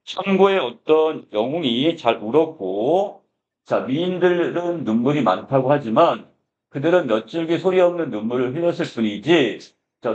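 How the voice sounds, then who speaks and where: A man's voice: medium pitch, darkish tone. Man lecturing, repeating a filler "so". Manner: starts most phrases with a filler "자", paraphrases the text in casual speech. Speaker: Korean literature teacher. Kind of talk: classroom lecture explaining a text. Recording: dull lo-fi lecture recording.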